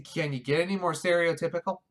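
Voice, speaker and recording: A man's voice: a little high, fairly even intonation, quick pace. A man giving a casual video review of a film, wry and exasperated, often restarting his sentences. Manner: wry, exasperated, talks over himself with restarts.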